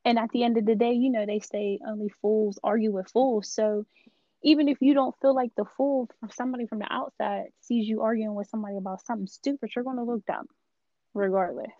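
A woman's voice: on the high side, fairly even intonation, fairly quick, dry recording. A young woman co-hosting a podcast in casual chat, talking candidly and rambling, swearing freely. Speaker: podcast co-host. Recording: dull lo-fi sound, dry.

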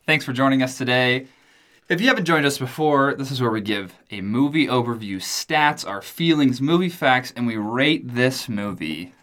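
Guy hosting a movie review podcast, jokey, teases his cohost, laughs a lot, average pitch. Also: expressive, normal speed, a bit bright. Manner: joking, teasing, laughs often. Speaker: podcast co-host. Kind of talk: casual movie review chat.

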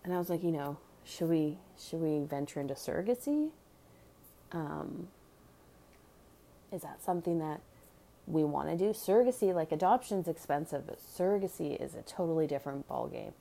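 A woman's voice: deep voice, expressive, moderate pace, gravelly, mellow. A woman candidly telling a personal story in casual chat, blunt and chatty with sarcastic asides.

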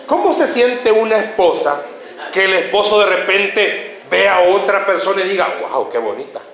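A man's voice: sits high, normal speed, gravelly, fairly bright tone. A man preaching a sermon to a congregation in a church, joking and firing questions at the listeners. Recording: roomy church hall with faint ambience.

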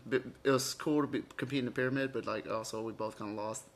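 A man's voice: mid-range voice, fairly even intonation, quick pace. A man in his forties, born abroad and raised in the southern US, chatting as a podcast guest and telling stories animatedly with self-mocking asides. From Argentina, raised in Texas. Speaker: interview guest. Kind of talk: casual conversation.

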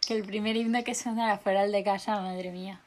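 A young woman, co-hosting a podcast in casual, excitable chat and laughing often. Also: mid-range voice, brisk, a little hiss or hum. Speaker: podcast co-host.

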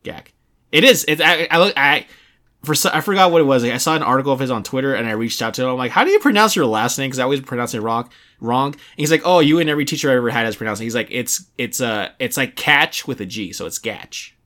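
A man's voice: medium pitch, lively intonation, fast, bright, forceful tone. A young adult man hosting a casual video game podcast, talking in a rambling way with many restarts and fillers. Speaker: podcast host.

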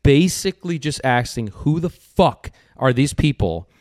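A man co-hosting a podcast with a mid-pitched voice. He talks in rambling restarts and blunt, profane remarks. The sound is dry and close. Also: lively intonation, unhurried, a little mellow, no echo. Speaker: podcast co-host. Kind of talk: casual film review chat.

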